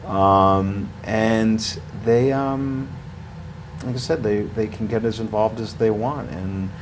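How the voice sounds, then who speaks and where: A man's voice: fairly low pitch, slow, noisy background. A man in his forties, a guest in a studio interview, talking in a rambling way with many fillers and restarts. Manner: rambling, with many fillers and restarts, gets louder when animated. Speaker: ski area marketing director, guest. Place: small TV studio, indoors.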